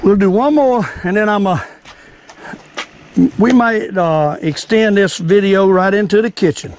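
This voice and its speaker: An older man from behind a home camera talks in a folksy old fisherman way with a Southern US accent. His voice sits fairly high for a man. He explains things casually and repeats himself, with some background noise on the recording. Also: a little slow, a little mellow. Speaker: cooking and fishing video host. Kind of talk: casual how-to chat.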